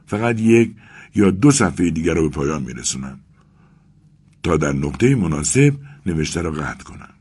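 A man's voice: low voice, very animated, long pauses, husky, pitched above the performer's own voice, full character voice. A man voicing an anxious, tearful young clerk who pleads breathlessly in a raised voice. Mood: exhausted.

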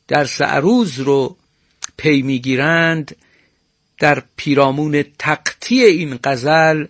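A middle-aged man giving a formal broadcast lesson on poetic meter, speaking courteously and slowly chanting the meter's syllables. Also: fairly high pitch, fairly bright tone, no echo, clean studio sound. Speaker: teacher of Persian prosody.

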